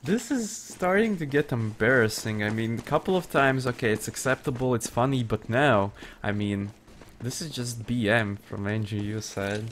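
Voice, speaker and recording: A man's voice: mid-range voice, normal speed. A man casting a live shooter match, amused and often laughing in disbelief at the plays. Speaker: esports caster. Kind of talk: live game commentary. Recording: game gunfire noise behind voice. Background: game gunshots and clicks.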